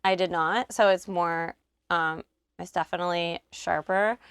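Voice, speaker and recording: A woman walks through her track in a recording studio in a bubbly, casual way, full of slang and enthusiasm. Her voice sits a little low and comes across smooth and clean. The sound is dry and close, with no room echo. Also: fairly even intonation, unhurried. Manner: bubbly, chatty, gushing with slang. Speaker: vocal producer explaining her track.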